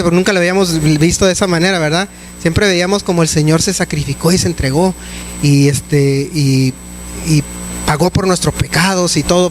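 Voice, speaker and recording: A man's voice: fairly high pitch, slight background noise, low-quality recording. A man preaching a sermon as pastor, in a conversational way with many restarts and fillers.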